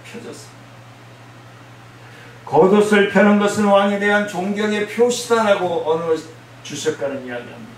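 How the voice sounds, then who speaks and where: A male pastor preaching a sermon, blunt and scolding, with loud emphatic outbursts. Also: high-pitched, moderate pace, pauses often. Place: church sanctuary. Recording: very echoey church hall, mic from a distance, faint hiss.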